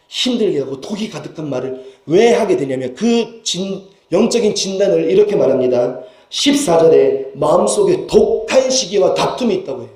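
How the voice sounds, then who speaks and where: A man's voice: sits high, dark tone. A man preaching a Sunday sermon as senior pastor, emphatic and full of rhetorical questions to the congregation. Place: church sanctuary. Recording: echoey church hall.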